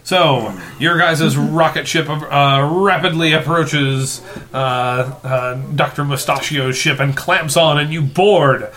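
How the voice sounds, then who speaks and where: A man's voice: fairly high pitch, steady tone, slow pace, a crowd in the background. A man speaking casually as game master, narrating and refereeing a tabletop role-playing game.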